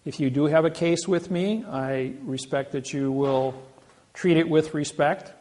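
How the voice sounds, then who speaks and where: A man's voice: fairly high pitch, unhurried, darkish tone. An older man giving a seminar talk, telling boastful stories with many restarts and false starts. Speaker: seminar speaker. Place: seminar room.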